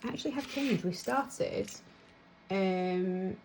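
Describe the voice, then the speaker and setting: A woman's voice: medium pitch, takes it slowly, creaky, a little mellow, slight background noise. A young British woman chatting casually and rambling as she counts and sorts her cash. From United Kingdom. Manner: chatty, rambling, self-laughing. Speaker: vlogger.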